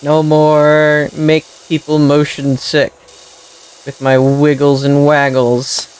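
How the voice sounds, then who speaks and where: A woman's voice: low voice, flat delivery, slow pace, a little mellow, clean tone, rough recording. A woman streaming a game, muttering dry sarcastic remarks and playfully meowing now and then. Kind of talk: casual gameplay commentary.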